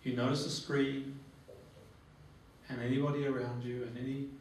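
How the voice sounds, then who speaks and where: A phobia therapy trainer with a gravelly, slightly mellow mid-range voice gives a guided relaxation demonstration to a group at normal speed. His delivery is flat, instructive, and full of repeated phrases. The training room is echoey, and the distant mic yields strong echo plus faint noise.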